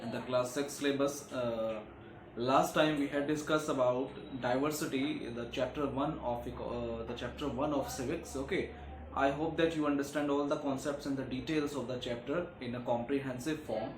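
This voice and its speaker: A man teaching a geography lesson to schoolchildren, often filling pauses with "okay" and "uh". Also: medium pitch, steady tone, a crowd in the background. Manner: frequent "okay" and "uh" fillers, repetitive explaining. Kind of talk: classroom lecture. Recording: echoey room, faint background noise.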